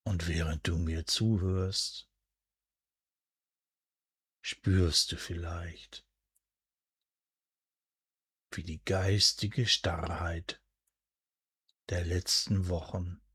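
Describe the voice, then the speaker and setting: Male, deep and husky, near-whispered sleep hypnosis narration, soothing and unhurried, very dry close sound. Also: little pitch movement, no echo. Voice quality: breathy, soft, at times near a whisper. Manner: soothing, hushed, deliberate, with drawn-out pauses. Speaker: hypnosis and relaxation guide.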